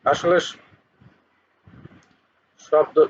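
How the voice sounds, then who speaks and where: A man giving a spoken English lesson, pausing often with filler sounds and spelling words out letter by letter. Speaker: English teacher. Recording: dull lo-fi recording with faint hiss.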